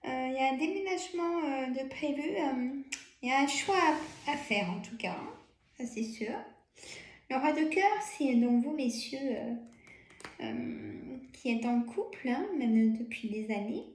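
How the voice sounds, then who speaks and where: Tired woman with a Burgundy accent, slow and chatty card reader, slightly high voice, echoey room. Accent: Burgundy French. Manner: chatty, filler-heavy, frequent "hein" and soft laughs. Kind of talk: casual card-reading video.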